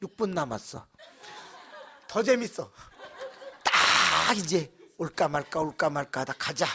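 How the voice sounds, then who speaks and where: A man's voice: on the high side, animated, a little slow, vocal fry, very noisy. A man pastor preaching a sermon in a church, telling a story animatedly and acting out voices.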